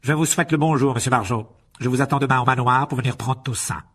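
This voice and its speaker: A man doing a storybook aristocrat, a wizard father who is cold, haughty and sure of his own rank. He talks in a clipped, condescending way with a slightly husky voice. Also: medium pitch, fast, a bit bright, close to an everyday voice.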